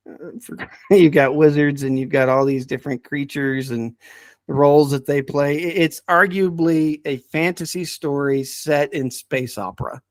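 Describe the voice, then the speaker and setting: In clean studio sound with no echo, a man with a fairly high, steady voice speaks at a normal pace as a podcast guest. He works through a ranked list of picks with casual enthusiasm, chuckling frequently.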